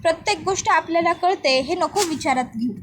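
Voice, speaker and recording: A stern middle-aged mother-in-law from a family drama scolds with sharp, lecturing reproach, read out by a woman narrator. The voice sits high. Her tone stays cold and firm. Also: brisk, noisy background.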